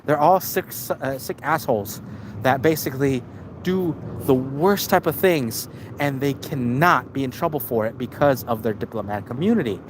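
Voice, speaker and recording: Brief: male streamer, mid-pitched, rambling and profane, noisy street ambience. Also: normal speed. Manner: rambling, profane, with many restarts. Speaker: live-stream host. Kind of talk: casual rant.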